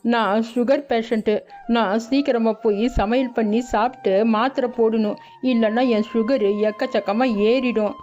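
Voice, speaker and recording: Woman as greedy mother-in-law, bossy, hushed, scheming, cartoon story, dull lo-fi audio. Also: on the high side, steady tone, normal speed, lightly acted. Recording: dull lo-fi audio with background music.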